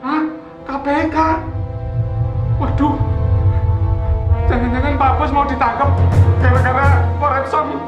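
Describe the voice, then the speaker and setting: An actor playing a jittery, excitable, bungling burglar in a film comedy. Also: male voice, very high voice, unhurried, pauses often, rough recording. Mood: nervous, alarmed. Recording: loud film music behind.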